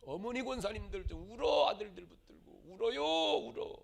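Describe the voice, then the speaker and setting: Dramatic high-voiced pastor with a gravelly edge. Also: male voice, animated, normal speed. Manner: dramatic, acts out quoted voices, swings from shouting to murmuring. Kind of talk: sermon.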